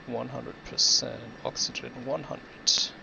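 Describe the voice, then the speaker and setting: A man with a gravelly, fry-laden voice at a middling pitch runs through pilot checklist items. He speaks in terse, procedural fragments. The mic sounds muffled, with clear noise behind him. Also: steady tone, takes it slowly, sharp tone. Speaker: flight sim pilot. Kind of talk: checklist callouts and radio replies.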